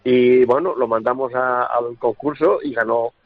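A man's voice: medium pitch, fairly even intonation, unhurried, no echo. A man calling in to a radio show, telling a story hesitantly, with many fillers, over a phone line. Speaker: caller. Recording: tinny dry phone line.

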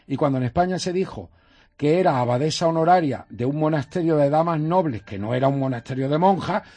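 A man, a history professor telling lively anecdotes in an interview and acting out the people he quotes. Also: on the high side, fairly quick, no echo. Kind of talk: animated storytelling in an interview.

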